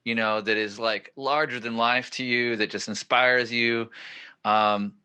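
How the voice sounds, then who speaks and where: A podcast host in his forties from northern California tells a winding story in casual conversation. His bright, forceful voice sits at an ordinary middle pitch and his tone is clean and unhurried, though he grows excited and rambling, rising and getting louder as the story and its punchlines peak.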